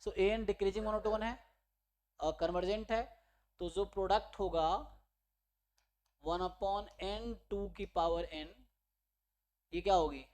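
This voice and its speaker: A man from India teaches an online exam-prep maths lecture in a high voice with a darkish tone, speaking steadily and unhurriedly and pausing often. He explains things step by step, mixing in English terms and checking in with his students.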